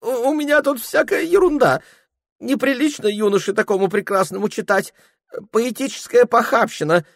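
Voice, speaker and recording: A shrill, drunken young clerk. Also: male voice, moderate pace, creaky, dry recording, clean studio sound. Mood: shrill evasive. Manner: shrill, babbling, exclaiming. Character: drunken young male clerk, giddy and boastful.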